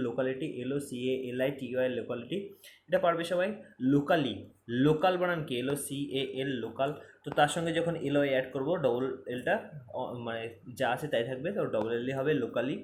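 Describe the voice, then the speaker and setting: Fast-talking male spelling teacher. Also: mid-range voice, a little mellow, a little hiss or hum. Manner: spells words letter by letter, repeats for emphasis. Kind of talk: exam-prep spelling lesson. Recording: roomy echo, faint ambience.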